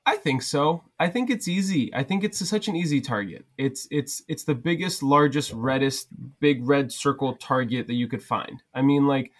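A man's voice: mid-range voice, moderate pace, few pauses. Young man, podcast guest, headset mic, loose rambling chat. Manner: rambling, loose, many restarts and fillers. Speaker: podcast guest, cocktail content creator.

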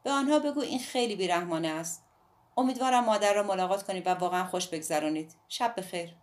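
A woman voicing a playful, bold young woman in an audiobook, her delivery bright and teasing. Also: mid-range voice, close to an everyday voice. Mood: tender, teasing. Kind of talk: audiobook dialogue reading.

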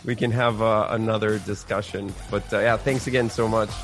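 A man hosting a podcast in a casual, halting, unscripted way. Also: fairly low pitch, fairly even intonation, soft background music. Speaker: podcast host. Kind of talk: casual interview chat.

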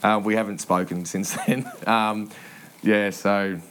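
A man in his thirties with an Australian accent, a former footballer telling stories as a podcast guest, halting with many ums and restarts and laughing often. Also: fairly low pitch, steady tone, a bit bright, a little hiss or hum. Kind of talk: casual storytelling interview.

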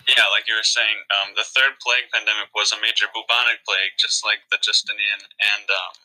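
Man, low-quality phone audio, remote co-host, very bright sharp tone, lowish voice. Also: level tone, a little fast. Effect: low-quality phone audio from a remote call. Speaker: podcast co-host. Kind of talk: casual podcast chat.

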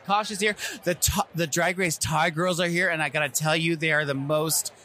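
A man's voice: on the high side, fairly even intonation, fairly quick, bright, forceful tone, a little hiss or hum. A middle-aged man, a drag performer, chatting candidly and emphatically in a casual interview. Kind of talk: casual event interview chat. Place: convention green room.

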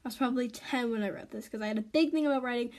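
A woman's voice: on the high side, racing, darkish tone. A woman hosting a casual episode, reading aloud a story she wrote as a child in a chatty, self-deprecating way. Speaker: host reading her own childhood story.

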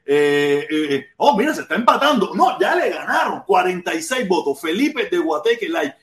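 Heated Cuban man with high voice. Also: echoey room. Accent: Cuban Spanish. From Cuba. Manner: heated, repeats words in bursts. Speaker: livestream host. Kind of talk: political livestream commentary reading chat.

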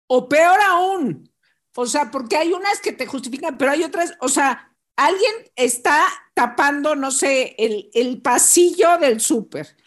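Very high-pitched woman, emphatic. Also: lively intonation, unhurried. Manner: emphatic, swears freely. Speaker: podcast co-host. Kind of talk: casual chat.

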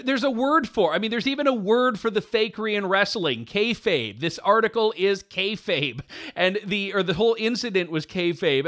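A man's voice: high-pitched, fairly bright tone. A man co-hosting an opinionated news commentary show, wry and amused as he pokes fun at a story. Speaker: co-host.

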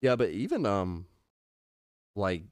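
A man's voice: fairly low pitch, wildly swooping pitch, takes it slowly, darkish tone, dry recording, clean studio sound. A man co-hosting a podcast in loose casual chat, swearing and saying "bro". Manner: loose, profane, says "bro" a lot. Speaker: podcast co-host.

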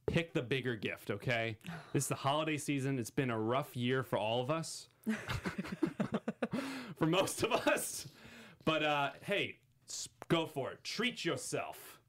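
Excitable man co-hosting a fan chat show. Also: medium pitch, moderate pace. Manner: excitable, rambling with restarts. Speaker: co-host. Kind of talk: casual entertainment podcast chat.

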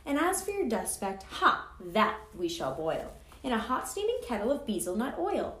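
A woman's voice: fairly high pitch, sing-song, moderate pace, a bit bright, roomy sound. A woman voicing a big female kangaroo in a storybook, haughty and scornful, with a snappish, pompous manner. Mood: threatening.

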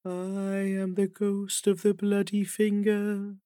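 A man voicing a creepy ghost of a bloody finger, wailing slowly and drawn out. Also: sits high, monotone, warm tone, no room sound, clean studio sound, pitched above the performer's own voice. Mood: eerie.

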